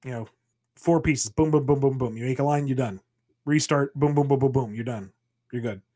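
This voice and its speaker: A man's voice: mid-range voice, moderate pace, dark tone. A man in casual podcast chat, playfully riffing on comic scenarios as a co-host.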